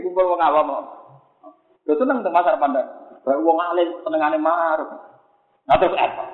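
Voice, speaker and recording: A man with a Javanese accent preaching a sermon, animated and joking, often asking his listeners rhetorical questions. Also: on the high side. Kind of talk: religious sermon. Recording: echoey, phone-like lo-fi sound.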